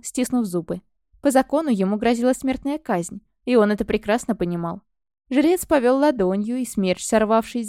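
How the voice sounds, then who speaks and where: Expressive woman narrating an audiobook. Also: mid-range voice, dry recording, clean studio sound. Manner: first-person, expressive storytelling.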